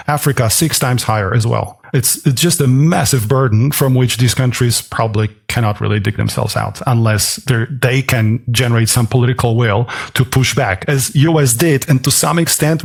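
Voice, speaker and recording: Podcast guest, man from Switzerland, gravelly, analytical, mid-pitched. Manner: dense, analytical, many restarts. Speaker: guest, author and portfolio manager. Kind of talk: podcast interview.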